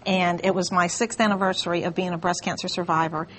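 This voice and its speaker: Lively middle-aged woman telling a story. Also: on the low side, fast talker, slight background noise. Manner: animated storyteller, acting out quoted dialogue. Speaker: guest, breast cancer survivor and cookbook organizer. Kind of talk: morning TV interview.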